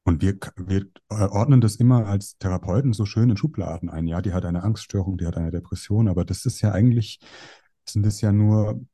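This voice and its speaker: A man's voice: fairly low pitch, fairly quick, dark tone, breathy edge, no room sound, studio quality. A young man, a psychoanalyst, explaining his clinical work in conversation and working through case examples. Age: young adult. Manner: explains with case examples, voices patients' lines.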